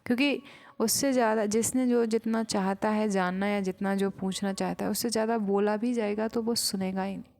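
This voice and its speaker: A woman with a mid-range voice gives a reflective spiritual talk. She speaks in short, unhurried phrases and pauses often between thoughts. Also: mid-range voice, steady tone, vocal fry, a little mellow.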